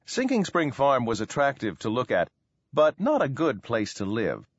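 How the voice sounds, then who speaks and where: A male audiobook narrator reading with expressive, lively pitch. His middle-pitched voice is recorded dry, with slightly dulled highs. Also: normal speed, slightly rough, no echo, lo-fi sound. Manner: expressive storytelling. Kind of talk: scripted narration.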